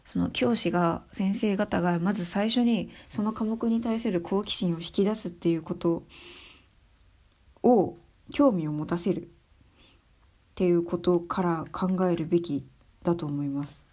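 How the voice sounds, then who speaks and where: A young adult woman giving her views in a casual spoken monologue, soft and thinking aloud with many fillers. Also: on the low side, measured pace. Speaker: speaker sharing views on education.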